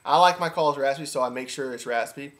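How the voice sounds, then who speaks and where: In a very noisy clip, a man with a mid-range voice talks briskly about duck calling, which he teaches. He keeps it loose and repetitive, clearly excited about what he's explaining.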